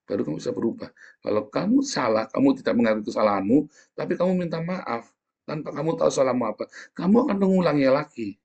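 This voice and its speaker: Husky-voiced man preaching casually. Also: mid-range voice, expressive, fast, darkish tone, lo-fi sound. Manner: conversational, often asks the audience "ya kan?"; acts out quoted speakers in a raised voice. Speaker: pastor. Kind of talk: sermon.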